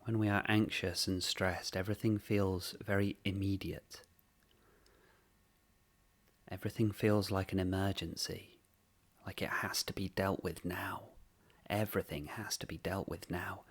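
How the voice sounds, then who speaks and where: Gently and without rushing, a man leads a meditation in short phrases with long silences between them. His voice is deep and his tone level.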